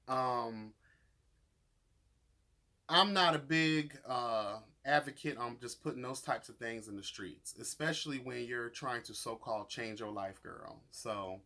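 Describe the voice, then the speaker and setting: A YouTuber with a mid-range, sharp-toned voice gives profane, casual commentary on a reality show. He's emphatic and sassy, packs in slang, and calls people honey and girl.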